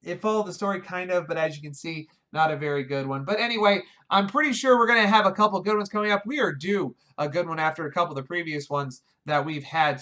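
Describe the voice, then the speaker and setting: Guy doing a film review, pretty high voice, wry and fed up, trips over his words a bit. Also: sharp tone. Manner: wry, exasperated, talks over himself with restarts. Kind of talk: casual video review.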